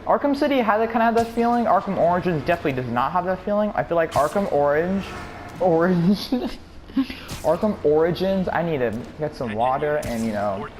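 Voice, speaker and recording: Excitable man rambling over gameplay. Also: a little high, fast, a little hiss or hum. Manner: excitable and rambling, with restarts and laughs. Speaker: gaming YouTuber. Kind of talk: gameplay commentary.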